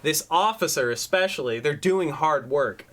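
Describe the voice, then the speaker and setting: A podcast co-host rants during a casual chat, recorded on a desk microphone in a room at home. His fairly high, somewhat bright voice has lively intonation and a moderate pace, and he swears a lot, rambles, and demonstrates his points as he speaks.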